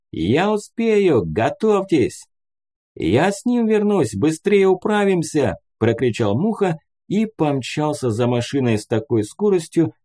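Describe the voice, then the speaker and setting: A man narrating a first-person audiobook in a steady, matter-of-fact way. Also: mid-range voice.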